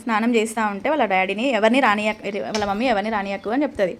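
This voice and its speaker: A woman, a mother coaxing and instructing her children through a clay craft in a casual home video. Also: medium pitch. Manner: coaxing, instructive, quick questions.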